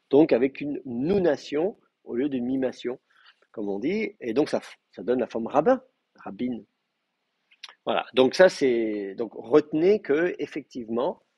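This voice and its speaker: Gravelly-voiced man teaching a class. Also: mid-range voice, mellow, no room sound, lo-fi sound. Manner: explanatory, frequent hesitations and fillers. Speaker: Hebrew teacher. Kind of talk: live class lecture.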